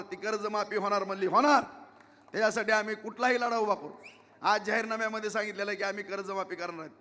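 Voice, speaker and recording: A man's voice: high-pitched, fairly bright tone, in a large hall. A man giving an emphatic campaign rally speech as an election candidate, repeating himself and pleading with the crowd. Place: outdoor public rally.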